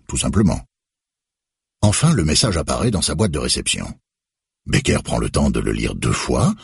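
A man reading a novel aloud in measured, expressive scripted narration. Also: very deep voice, creaky, husky, dry recording, clean studio sound. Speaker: audiobook narrator.

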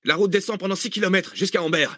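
A man's voice: mid-range voice, fast talker, dry recording, voice pushed up, close to an everyday voice. Male narrator doing a clipped, laconic man on the run in an audiobook; dry recording. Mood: curt. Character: terse, cool-headed man on the run. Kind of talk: audiobook character voice.

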